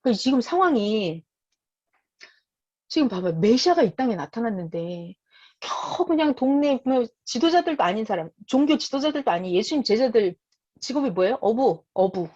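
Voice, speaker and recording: A woman with a fairly high, breathy voice teaches the Bible with a lot of rise and fall in her pitch. She keeps turning to her listeners with questions. The recording sounds dull and lo-fi. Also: normal speed. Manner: animated, asks listeners rhetorical questions.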